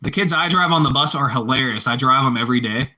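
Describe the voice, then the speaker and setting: A man with a Pittsburgh accent talks casually with his live-stream viewers, rambling and repeating himself while answering chat. He's a fast talker with a medium-pitched voice that sounds pushed and bright.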